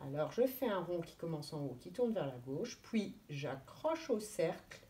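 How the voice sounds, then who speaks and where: A woman preschool teacher teaching young children, speaking slowly and clearly as she sounds out letters and gives gentle instructions. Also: deep voice, big pitch swings.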